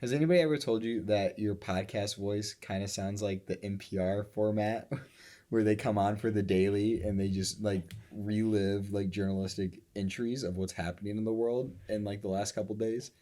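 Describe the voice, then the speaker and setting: Low-voiced rambling guest man. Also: steady tone, moderate pace, mellow. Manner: loose, rambling, swears casually. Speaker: podcast guest. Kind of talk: casual podcast chat.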